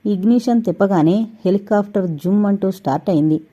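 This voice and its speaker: A woman reads an audio novel aloud as its narrator. Her delivery is steady and even. Her tone is very dark and mellow. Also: mid-range voice, brisk, lo-fi sound. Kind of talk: scripted story narration.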